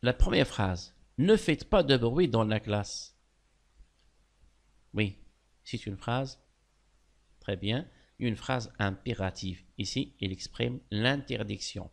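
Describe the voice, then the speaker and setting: A primary school French teacher, animated and touched with vocal fry, takes his class through grammar at a slow, deliberate pace. Wide pitch swings and sudden loud lifts on key words mark his speech, and he frequently praises what the pupils answer.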